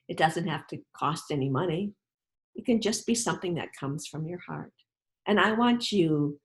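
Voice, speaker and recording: With a low voice, the woman author reads to kids and speaks to them personally, offering encouragement and instruction. She phrases things slowly and with clear emphasis.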